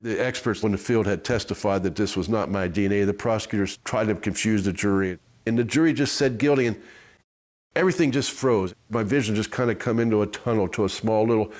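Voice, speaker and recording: Halting man retelling his trial. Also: fairly low pitch, darkish tone. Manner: halting, repeats words. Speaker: exonerated prisoner. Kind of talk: documentary interview.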